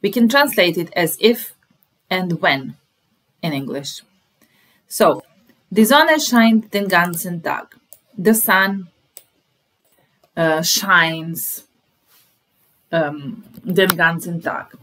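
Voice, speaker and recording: A woman in her thirties teaches German in a small room, facing a webcam and patiently repeating phrases word by word. Her fairly low, slightly bright voice has lively intonation, and she stretches out words with long pauses in between as she slowly explains.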